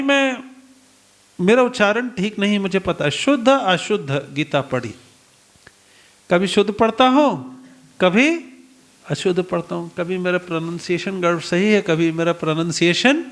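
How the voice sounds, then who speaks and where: A man's voice: very high voice, a bit bright. A male preacher giving a storytelling sermon, acting out the dialogue of the characters and putting rhetorical questions to his listeners.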